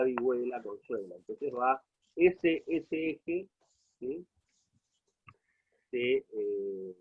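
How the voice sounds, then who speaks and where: A man's voice: on the high side, breathy edge. A man with an Argentine accent giving a university lecture over a video call, explaining at length and often checking in with his students. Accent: Argentine Spanish. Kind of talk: online class lecture. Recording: tinny phone-like call audio.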